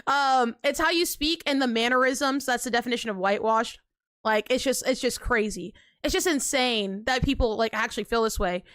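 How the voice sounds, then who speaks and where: A woman's voice: on the high side, moderate pace, fairly bright tone, no echo, clean studio sound. A young American woman with a slight Texan accent, ranting indignantly and animatedly to her livestream chat. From United States.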